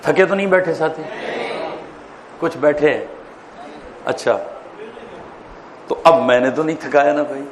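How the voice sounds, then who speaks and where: A man, a mufti, giving an animated classroom lecture on public speaking, quizzing his listeners and telling jokes. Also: fairly high pitch, pauses often, crowd noise. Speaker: mufti teaching a course. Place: lecture hall.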